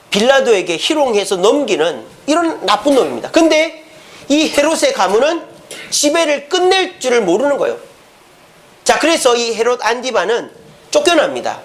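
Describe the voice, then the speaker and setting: Pastor guy preaching, high lively voice, keeps quizzing the pews. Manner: storytelling, asks the congregation questions. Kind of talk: sermon.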